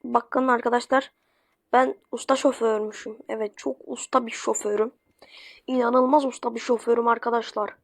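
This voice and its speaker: A woman's voice: fairly high pitch, level tone, normal speed, dry recording. A woman giving chatty let's-play commentary to her viewers, swearing when flustered. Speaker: gaming YouTuber. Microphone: phone screen recording.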